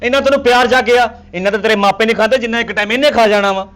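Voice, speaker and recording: A man's voice: high voice, very fast, fairly bright tone. A man with a Punjabi accent in a comic sketch, complaining with sarcasm and exasperation. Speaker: comedy sketch actor.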